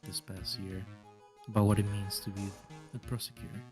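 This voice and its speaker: Man acting solemn male prosecutor, low pitch, formal, self-assured, game dub, clear music behind. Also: little pitch movement, moderate pace, lightly acted. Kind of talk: amateur voice acting of a video game.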